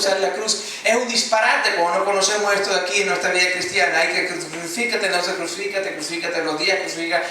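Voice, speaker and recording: A man's voice: high-pitched, sharp tone, slight background noise. A male pastor preaching a sermon in an emphatic way, calling out to the congregation and waiting for them to answer. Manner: emphatic preaching with call-and-response. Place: church hall. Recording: echoey church hall from a distance.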